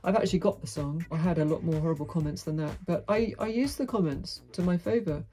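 In a dim little brick-walled room, a middle-aged woman vlogs straight to camera, talking fast in a deep, warm voice. Her monologue is frank, outspoken and wry, and faint music can be heard behind her.

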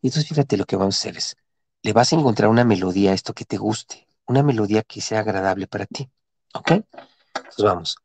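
A middle-aged man guiding a body-movement and mantra session, giving calm repeated cues and chanting vowels for listeners to follow. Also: fairly low pitch, a little fast, husky, dry recording. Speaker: meditation and breathwork guide.

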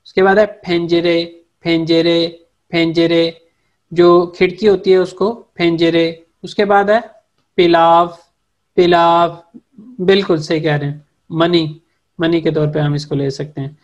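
A man's voice: on the high side, darkish tone. A man, a native Urdu speaker from Pakistan, teaching a language class over a video call. He repeats each word several times before explaining what it means. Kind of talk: online vocabulary lesson. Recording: muffled video-call audio.

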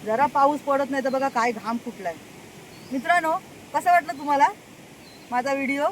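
Older female vlogger, high-pitched and chatty, talks to viewers on a handheld phone outdoors, light background noise. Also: fairly quick, fairly bright tone, poor audio. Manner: chatty, keeps addressing viewers, laughs often. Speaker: farm vlogger. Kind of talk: casual vlog chat. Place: outdoors on a rural farm path.

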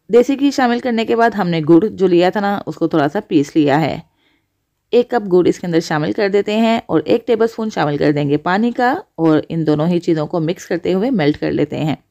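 A woman's voice: medium pitch, mellow, dull audio. A woman hosting a cooking channel, explaining each step of a recipe to viewers. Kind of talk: voice-over recipe instruction.

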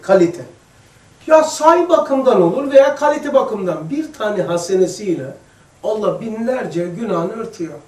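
A man giving an informal religious lesson to a small group, chatty and addressing listeners by name, moving between hushed asides and emphatic passages. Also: high-pitched. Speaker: religious teacher. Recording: echoey room, distant mic.

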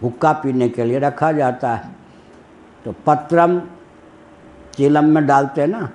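A man giving a slow, unhurried religious discourse on scripture, chanting Sanskrit lines and chuckling at his own stories. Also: a little high, fairly even intonation, a little mellow.

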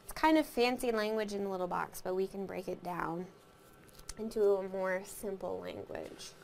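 A woman's voice: medium pitch, sing-song, normal speed, gravelly, slight background noise. A woman teaching a recorded math lesson, explaining step by step, counting aloud and asking the class questions.

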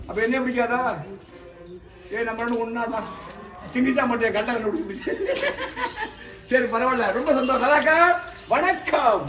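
A man from Tamil Nadu, a temple priest performing an exorcism, scolding and commanding the spirit, often shouting. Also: very high-pitched. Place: temple, outdoors or open hall. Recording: echoey, distant mic, noisy.

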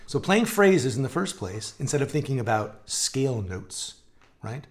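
Demonstrating and gesturing as he goes, a man in his forties gives a laid-back, conversational guitar lesson streamed live from a music room at home with guitars on the walls. His voice sits in the middle range, moves at a moderate speed, and has a slight gravel from a dry throat.

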